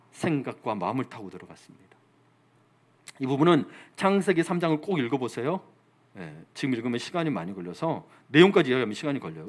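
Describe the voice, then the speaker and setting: Pastor guy preaching in church, voice jumps all over, kinda high. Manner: lively preaching, asks the congregation questions and answers them. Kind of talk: sermon.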